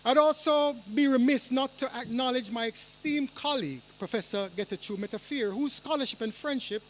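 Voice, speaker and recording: Male professor for a forum speech, light high voice, measured rhetorical delivery, dry asides, faint hiss behind. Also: rough recording. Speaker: university professor giving a speech. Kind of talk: formal prepared speech. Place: lecture hall or forum room.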